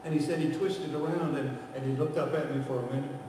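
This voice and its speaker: Talking fast in a slightly high, steady voice, this older Southern guest preacher tells a sermon story from the pulpit, acting out quoted characters and shifting between booming and hushed passages. The indoor, medium-sized sanctuary sounds echoey and distant through a far camera and pulpit mic, with background noise.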